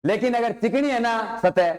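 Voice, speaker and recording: Speaking at normal speed in a very high voice with a darkish tone, this male science teacher runs an informal coaching class. He keeps asking questions and answering them himself, using tu to address figures.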